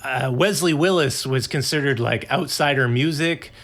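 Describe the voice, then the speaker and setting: A man's voice: mid-range voice, moderate pace, a bit bright. A man hosting a casual podcast interview, who jokes about his podcast voice and laughs often. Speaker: podcast host.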